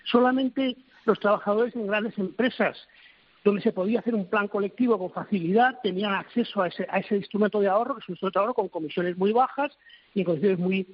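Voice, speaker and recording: A government official answering interview questions, a man who talks haltingly and searches for his words. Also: high voice. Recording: dull lo-fi recording.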